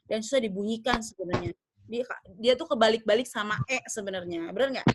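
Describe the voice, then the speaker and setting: A young woman teaching English pronunciation in a class, drilling words slowly and checking that students follow. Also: fairly high pitch. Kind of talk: online pronunciation lesson.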